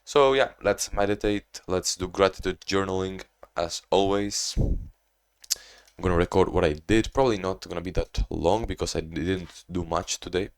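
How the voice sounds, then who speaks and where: This vlogger is a young man with a deep, low voice, apparently at home, walking through his day at a moderate pace. It's a casual video diary, delivered in a flat monotone that wanders, restarts often and drifts into asides.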